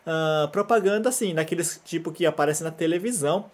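A Brazilian woman with a Brazilian Portuguese accent teaches a Japanese lesson, patient and encouraging, leading repeat-after-me drills and often checking in with "né?". Her voice is low and a little fast.

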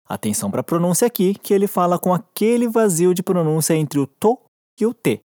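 A woman with a Brazilian Portuguese accent teaching Japanese in a recorded lesson, patient and encouraging, slowing down to model each phrase. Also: on the low side, big pitch swings, warm tone, dry recording, studio quality.

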